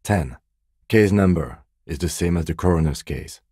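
Kim Kitsuragi, very deep deadpan detective. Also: male voice, slightly rough, no room sound, clean studio sound. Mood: clinical, dry. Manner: deadpan, measured, restrained. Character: composed, meticulous, dryly stern male police detective. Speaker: voice actor in a video game. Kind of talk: scripted game dialogue.

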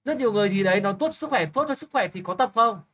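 A young man tutoring English, briskly quizzing a student with quick questions and blunt, teasing remarks. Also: high-pitched, expressive, fairly bright tone. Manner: brisk, keeps checking understanding with quick questions. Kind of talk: live tutoring lesson.

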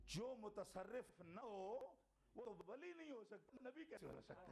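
High-voiced man preaching with fervor. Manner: dramatic, acts out quoted lines, shouts at peaks, teases the audience. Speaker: religious speaker at a Milad gathering. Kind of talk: impassioned Urdu sermon. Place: gathering hall with live audience.

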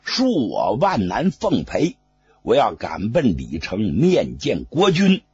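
A storyteller voicing a stubborn male officer who turns slow and deferential before his ruler, with a raspy voice. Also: on the low side, huge pitch swings, darkish tone, voice pushed down, full character voice. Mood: curt. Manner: drawn-out, deferential pleading. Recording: dull lo-fi recording.

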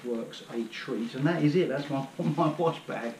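A man's voice: mid-range voice, unhurried, darkish tone. British guy in his 30s chatting through his hiking kit, lots of ums, roomy echo and some background noise, camera sitting a way off on the floor. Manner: chatty, rambling, many fillers. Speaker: outdoor gear vlogger. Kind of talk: casual demonstration. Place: living room at home, kneeling on floor. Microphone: camera on the floor a few metres away.

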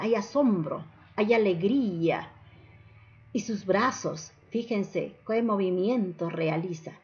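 A woman narrating an instructional lesson as a teacher, enunciating didactically and stressing each point. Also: mid-range voice. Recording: dull lo-fi voice-over.

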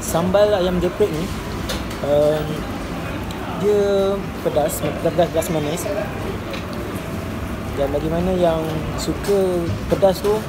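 A Malaysian man talking while chewing as he reviews food in a casual, relaxed way with many fillers. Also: high voice, slow, pauses often. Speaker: food vlogger. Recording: loud street noise. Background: loud traffic noise.

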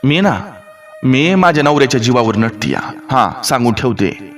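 A man voicing a sharp-tongued young village daughter-in-law who answers back loudly and shrilly. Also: mid-range voice, sing-song, moderate pace, faint music behind. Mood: defiant.

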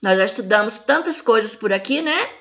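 A woman teacher with a Brazilian Portuguese accent, giving a recorded video lesson to young pupils. She walks through the homework step by step and talks to the children warmly and affectionately. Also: a little high, animated, brisk. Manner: clear step-by-step instructions. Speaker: primary school teacher.

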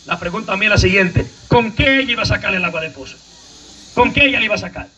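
Male evangelist, high voice, fiery exhortation with shouted peaks, faint outdoor noise behind. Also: lively intonation, fast talker. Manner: exhorting, calls to the crowd, sudden shouts. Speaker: evangelist preacher. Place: outdoor night vigil.

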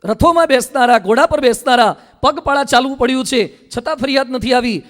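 Lively, story-driven preaching comes from a high-voiced monk who mimics ordinary people to get his lessons across. His pace is brisk, except for scripture verses, which he renders slowly in a chant-like way.

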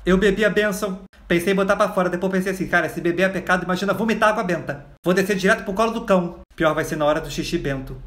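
Rio guy telling funny stories super fast, highish voice, does all the voices, echoey room. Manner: animated, acts out the voices of people in his stories. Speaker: comedian storyteller. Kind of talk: comic storytelling.

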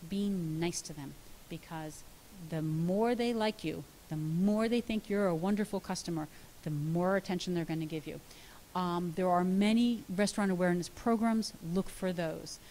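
A middle-aged woman dietitian giving a lively, practical talk to an audience, telling stories and acting out the dialogue with emphasis. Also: lowish voice, normal speed, poor audio. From United States. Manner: storytelling, acts out dialogue, emphatic. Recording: faint hiss.

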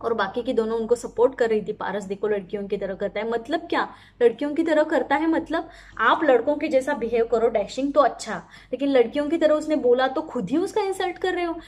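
A woman's voice: a little high, brisk. A woman giving opinionated casual commentary on a reality show, asking pointed rhetorical questions and acting out what others said.

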